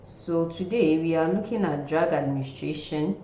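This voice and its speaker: Her voice is very low and mellow as this nursing lecturer leads a casual online class, slow and hesitant, frequently repeating words and phrases. Recorded on a computer mic in a room, the audio comes out muffled and reverberant with faint noise.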